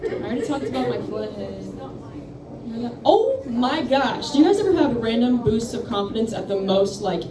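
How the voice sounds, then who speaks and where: A woman's voice: a little high, very animated, normal speed, crowd noise. Rambling young woman doing stand-up. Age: young adult. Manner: rambling, self-deprecating, chatty. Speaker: stand-up comedian. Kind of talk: stand-up comedy set. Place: campus coffeehouse stage. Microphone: handheld microphone. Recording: echoey room mic from far off, noisy.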